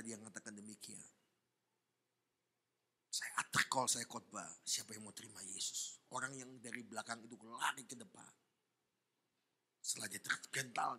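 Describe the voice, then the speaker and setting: Fervent preacher, husky and piercing. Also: male voice, mid-range voice. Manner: fervent, jumping from shouted praise to hushed asides. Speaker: pastor. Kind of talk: sermon. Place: church service.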